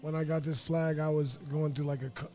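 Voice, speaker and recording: A man's voice: a little high, little pitch movement, fairly quick, mellow. A young man from Florida as a podcast guest, talking candidly and rambling with fillers in a casual interview. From Pine Hills, Florida. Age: young adult.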